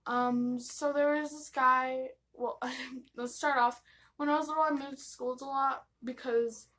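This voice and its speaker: A woman's voice: sits high, steady tone, unhurried, fairly bright tone. A young American woman telling personal stories in a casual vlog, gossipy, giggly and rambling, acting out bits of dialogue as she goes. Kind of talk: casual confessional storytime.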